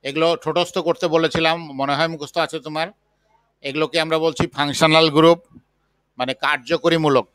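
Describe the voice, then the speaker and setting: A man teaching a chemistry class, slowly dictating the material. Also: on the high side, steady tone, fairly bright tone, smooth, no echo. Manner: slow, patient dictation. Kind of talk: classroom lecture.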